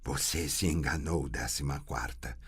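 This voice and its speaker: A man voicing an inhuman, cold and menacing metallic voice that speaks slowly with cruel scorn. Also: rumbling low, expressive, breathy edge, full character voice.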